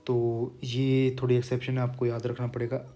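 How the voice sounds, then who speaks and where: Patient man teaching pronunciation, flat voice. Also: mid-range voice, soft background music. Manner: patient, repeats words slowly for pronunciation. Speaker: German language teacher. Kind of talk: explaining lesson while writing on a board.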